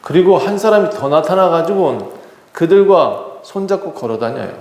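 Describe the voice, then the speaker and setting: A male pastor preaching a sermon, retelling a scripture story with acted dialogue and lively emphasis. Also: fairly high pitch, normal speed. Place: church sanctuary. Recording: echoey hall reverb.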